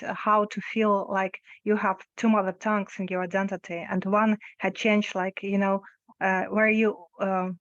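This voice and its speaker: A woman from Ukraine with a Ukrainian accent and Russian as her first language, speaking as a psychotherapist on a webinar panel, halting and searching for words. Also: medium pitch, dry recording, muffled recording.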